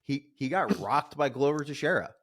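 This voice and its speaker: Man, sports betting co-host, blunt, casual, mid-pitched. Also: lively intonation, normal speed, a bit bright. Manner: blunt, swears freely. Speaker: podcast co-host.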